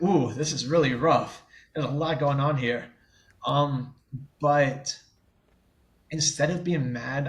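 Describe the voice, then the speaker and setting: A man in his twenties from the New Orleans area, interviewed on a podcast, speaks in a mid-range voice. He stutters openly, with blocks and repeated sounds, and his manner is candid and laid-back.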